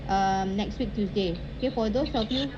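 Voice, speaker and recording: A muffled, noisy online-call recording of a woman teaching a class. She has a Malaysian accent and chats in colloquial Malaysian English slang, with a mid-range pitch and casual tag words. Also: moderate pace.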